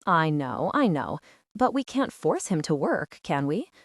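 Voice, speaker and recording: A woman's voice: low voice, sing-song, unhurried, no echo, clean studio sound, heavily acted. A woman voicing a cruel male vampire raider king who taunts with false friendliness. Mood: taunting.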